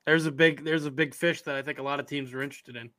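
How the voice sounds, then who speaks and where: A young man co-hosting a casual sports podcast, easygoing and opinionated, talking in quick bursts. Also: fairly high pitch, fairly even intonation, bright, forceful tone. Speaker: podcast co-host.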